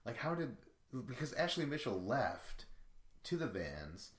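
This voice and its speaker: A man's voice: mid-range voice, very animated, unhurried. A man hosting a podcast, rambling through a casual solo recap with profane, chuckling asides. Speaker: podcast host. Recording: echoey room.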